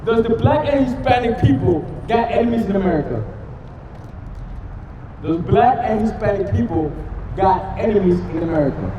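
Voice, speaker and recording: A man preaching on a city street, loud and emphatic, quizzing passers-by with questions. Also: sits high, animated, moderate pace, pauses often, highs cut off, a loud crowd. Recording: distant, echoey street recording with music.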